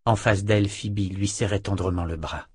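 Man, audiobook narration, low husky voice, dry close sound. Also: no echo. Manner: measured, even reading. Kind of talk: scripted narration.

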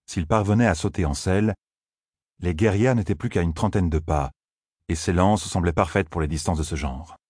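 A man narrating an audiobook in a steady, measured reading voice. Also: low-pitched, slightly rough, dry recording, clean studio sound.

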